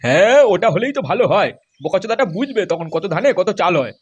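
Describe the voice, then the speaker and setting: A man's voice: high-pitched, big pitch swings, fast talker, dull audio, noisy background. A man voicing a grumpy, foul-mouthed aging father in a comic cartoon, complaining and cursing. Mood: sarcastic. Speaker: cartoon character.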